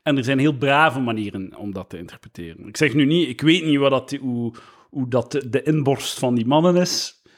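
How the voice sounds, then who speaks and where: A man's voice: mid-range voice, lively intonation, normal speed. A young Flemish man co-hosting a podcast in casual chat, rambling with many fillers and restarts. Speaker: podcast co-host.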